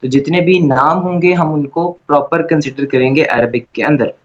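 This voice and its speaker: A male teacher explains grammar to his class with patient, step-by-step care, often pausing to check that everyone is following. His voice sits a little high for a man. The recording is dull and lo-fi. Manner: patient, repeats "okay" to check understanding. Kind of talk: online class lecture.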